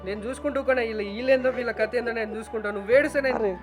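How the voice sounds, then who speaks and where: A man speaks in a fast, firm and protective way, his voice pitched fairly high. Clear music plays underneath him throughout this village comedy sketch. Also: fairly even intonation.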